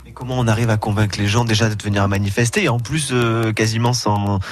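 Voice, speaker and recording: A man's voice: fairly low pitch, steady tone, brisk. A man working as a radio reporter, chatting casually with a guest and dropping plenty of fillers.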